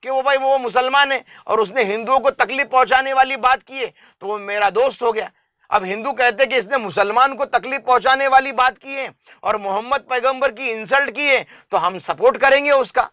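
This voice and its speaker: Earnest high-voiced man pleading. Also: pushed and bright, dry recording, studio quality. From India. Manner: earnest, emphatic, piles up lists of examples. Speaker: interview guest. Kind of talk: impassioned public appeal.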